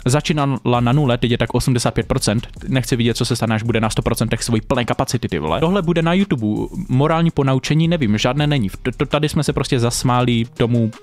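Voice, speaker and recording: A man's voice: mid-range voice, hardly any pauses, darkish tone, soft background music. A man giving casual reaction commentary on stream clips, mocking and swearing freely.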